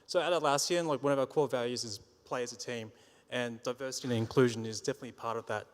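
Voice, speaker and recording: Guy introducing a speaker, hesitant and halting, mid voice, echoey hall. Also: medium pitch, fairly even intonation. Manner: hesitant, halting with fillers and restarts. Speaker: session moderator. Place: conference hall. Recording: hall reverb, conference room.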